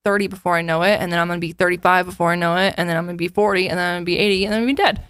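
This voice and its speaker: A woman's voice: fairly low pitch, fairly even intonation, racing, a bit bright, smooth, no echo, studio quality. A woman in her twenties co-hosting a podcast, chatting casually and filling her talk with "like". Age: 20s. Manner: chatty, fills with "like" often. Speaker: podcast co-host.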